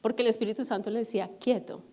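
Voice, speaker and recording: A middle-aged woman pastor, telling personal stories to her congregation in an animated, self-mocking way and checking in with the audience often. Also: a little high, moderate pace. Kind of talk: storytelling sermon to a congregation. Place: church service.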